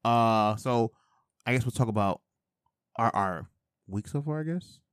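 A man's voice: mid-range voice, expressive, measured pace, clean tone, dry recording, clean studio sound. A man co-hosting a casual chat podcast, rambling and joking with frequent stammered restarts. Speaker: podcast co-host.

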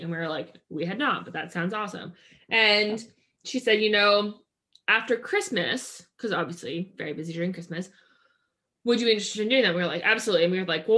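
A woman's voice: medium pitch, a bit bright. A woman from Canada co-hosting a podcast, talking in an upbeat, chatty way with lots of "like". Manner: chatty, upbeat, heavy use of "like". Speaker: podcast co-host. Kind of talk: casual chat.

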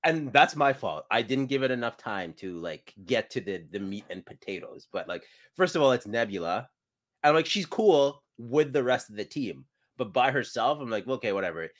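A man's voice: medium pitch, big pitch swings, moderate pace. A man co-hosting a podcast in casual chat, laid-back and opinionated, often restarting his sentences. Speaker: podcast co-host.

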